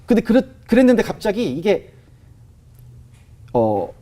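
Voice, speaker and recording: A man's voice: sits high, big pitch swings, a little slow, dark tone. A man animatedly recounting a personal religious experience as a guest, emotional and full of fillers. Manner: emotional, vivid retelling with many fillers. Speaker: guest sharing a testimony.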